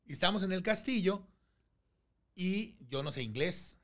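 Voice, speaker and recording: A middle-aged man with a Mexican accent tells a story as a podcast guest. His voice is fairly high for a man and swings widely in pitch. He acts out the voices of the people in his story. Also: lively intonation, a little slow, fairly bright tone. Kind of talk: casual storytelling chat.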